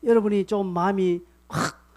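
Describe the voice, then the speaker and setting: A man pastor preaching a sermon, repeating short commands for emphasis and swinging between loud exhortation and quiet, chatty asides. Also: high voice, fairly even intonation, moderate pace.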